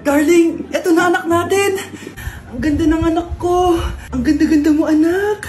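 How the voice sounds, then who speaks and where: A woman acting out comic family skits in a shrill, dramatic way, often shouting. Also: moderate pace, roomy sound. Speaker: comedy skit creator. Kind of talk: comedic skit acting.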